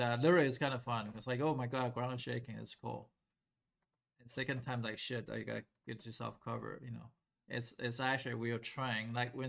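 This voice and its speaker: A middle-aged man from Taiwan teaching a math class in a classroom, lively and asking the class questions. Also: mid-range voice, gravelly. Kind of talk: classroom lecture at a whiteboard.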